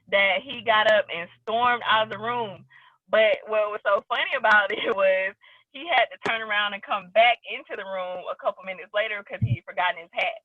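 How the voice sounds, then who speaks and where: A woman's voice: mid-range voice, no echo. Woman telling a story over dull call audio. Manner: animated, laughing often. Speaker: book club member. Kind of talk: casual storytelling on a video call. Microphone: video call.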